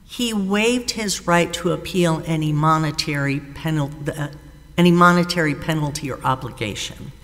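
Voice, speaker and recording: A woman defense attorney giving a formal appellate oral argument in a measured, deliberate way, pausing often on "uh". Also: deep voice. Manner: measured, deliberate, with frequent "uh" pauses. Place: courtroom. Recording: reverberant courtroom sound.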